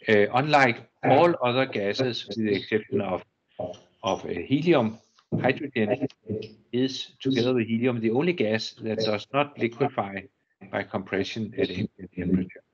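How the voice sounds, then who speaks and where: An older man from Denmark with a Danish accent, giving a technical lecture in a measured, halting way, often restarting and repeating words. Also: fairly low pitch, breathy edge, muffled recording. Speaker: guest lecturer. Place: university lecture room.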